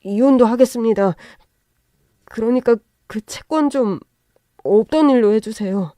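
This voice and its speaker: Smug spineless young husband, played by a woman, mellow dark tone, dry sound. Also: fairly high pitch, unhurried, dry recording, natural voice. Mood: pleading. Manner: pleading, then smug.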